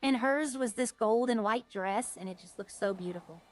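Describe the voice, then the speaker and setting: A woman's voice: a little high, normal speed. A woman game streamer talking casually and informally to her viewers, rambling from one thing to the next.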